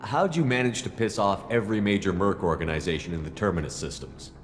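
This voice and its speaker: A man's voice: low voice, quick pace, long reverb tail, faint music behind, lightly acted. An actor playing a straightforward male soldier and squad commander in a video game, speaking in a direct, familiar way. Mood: wry, curious.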